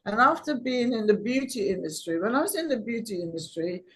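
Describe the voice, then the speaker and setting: A middle-aged woman from Guyana, a podcast guest telling stories in a lively, conversational way. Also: on the high side, a little fast, rough recording. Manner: animated storyteller, acts out quoted dialogue. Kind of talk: conversational storytelling.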